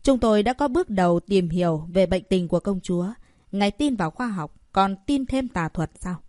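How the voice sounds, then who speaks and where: A woman's voice: mid-range voice, animated, fairly quick, dark tone, no room sound, clean studio sound, close to an everyday voice. A woman voicing a scheming, condescending male chairman of a medical association. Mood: persuasive.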